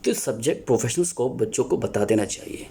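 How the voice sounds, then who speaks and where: A man lecturing as a teacher, earnest and explanatory, pausing often to find his words. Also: medium pitch, lively intonation, mellow, breathy edge. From Pakistan. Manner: earnest, explanatory, with many filler pauses and restarts. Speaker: Urdu teacher. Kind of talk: spoken lecture on teaching Urdu.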